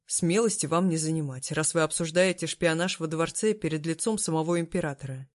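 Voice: mid-range voice, a little fast, close to an everyday voice. A narrator voicing a stern young emperor who gives orders in a curt, commanding way in an audiobook. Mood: dry. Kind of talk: audiobook character voice.

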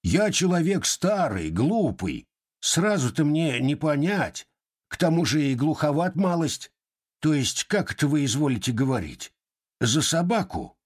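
A man reading an audiobook voices a poor old organ-grinder who talks humbly and haltingly but with dignity, in a husky voice. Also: fairly high pitch, sing-song, pitched above the performer's own voice, full character voice. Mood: humble.

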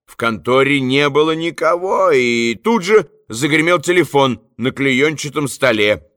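A man narrating an audiobook in a measured, low-key reading. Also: lively intonation, fairly bright tone, no echo, clean studio sound. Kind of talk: audiobook narration with character voices.

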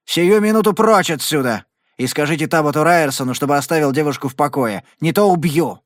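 A man's voice: fairly high pitch, fairly quick, no echo, clean studio sound, lightly acted. A man reading an audiobook, playing a big, grim young cowboy who speaks tersely and threatens his enemies. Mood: threatening.

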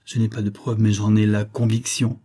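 A man's voice: lowish voice, level tone, moderate pace, warm tone, close to an everyday voice. A man voicing a frantic, grieving young woman who bitterly accuses and pleads. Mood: anguished.

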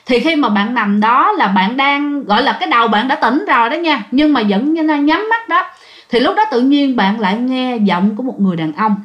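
A woman narrates a ghost story in a relaxed, chatty way, full of drawn-out fillers. Her voice sits fairly high and swings widely in pitch as she talks. She speaks straight to her listeners like a friend sharing a tale. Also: dull audio.

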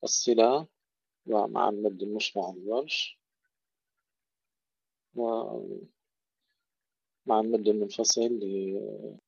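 A man teaching Quran recitation. He recites verses slowly, then explains the pronunciation rules and repeats words to contrast correct and faulty forms. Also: lowish voice, steady tone, vocal fry, darkish tone, breathy edge, dry recording. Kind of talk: tajweed lesson with recitation. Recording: dull lo-fi recording.

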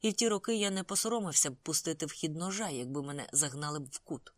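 An audiobook reader narrating a novel in the first person with an even, steady delivery. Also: mid-range voice, quick pace, no room sound, clean studio sound.

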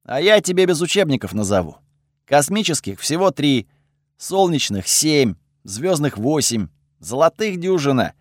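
A man voicing a snarky, sharp-tongued male god spirit in an audiobook, curt and sarcastic, with a lively swinging pitch and a dry close sound. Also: moderate pace, no echo. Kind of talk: audiobook character voice.

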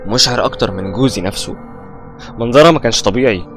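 Fast-talking Egyptian horror narrator. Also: male voice, mid-range voice, fairly bright tone. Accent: Egyptian Arabic. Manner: tense first-person storytelling. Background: faint background music.

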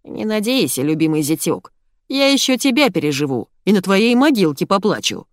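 A woman reading an audiobook, voicing an older, grumpy, sharp-tongued mother-in-law with a creaky mezzo-soprano voice and a barking, mocking way of talking. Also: medium pitch, very animated, moderate pace, dry recording, clean studio sound, lightly acted. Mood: scolding. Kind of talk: audiobook character voice.

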